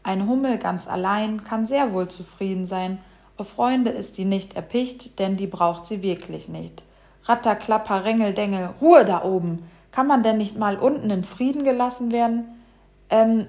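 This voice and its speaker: A cross little bumblebee grumbles and scolds in a raised, pushed-up voice, as a woman reads him in a children's story. He is fussy and quick to take offence. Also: medium pitch, a little mellow, close to an everyday voice. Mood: grumbling. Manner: gruff, scolding, rhymes when cross. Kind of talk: storybook reading.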